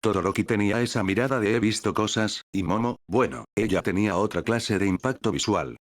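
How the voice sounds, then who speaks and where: A man's voice: fairly low pitch, fairly quick. A man narrating a first-person fan story in a wry, casual manner. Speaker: fanfic narrator.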